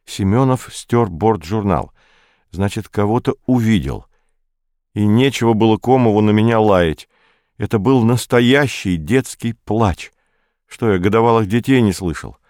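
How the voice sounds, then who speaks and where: A man narrating an audiobook in the first person, in a measured way. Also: on the low side, animated, darkish tone, dry recording, clean studio sound.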